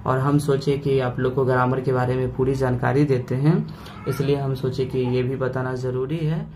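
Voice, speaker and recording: A man teaching a grammar lesson. He breaks words into parts slowly and keeps checking in with "okay" after each point. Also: medium pitch, little pitch movement, a little mellow, a little hiss or hum.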